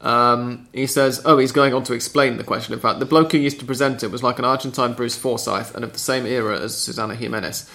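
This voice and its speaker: Man, podcast host, gravelly, bright tone, dry chat. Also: medium pitch, fairly even intonation, fast talker, hardly any pauses. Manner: reads listener questions, chatty and dry.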